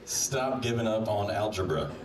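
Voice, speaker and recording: Speaking at normal speed in a fairly low-pitched voice, a man directly addresses the listener with a mock-stern, humorous scolding monologue. It sounds like distant playback in a roomy space, accompanied by crowd noise.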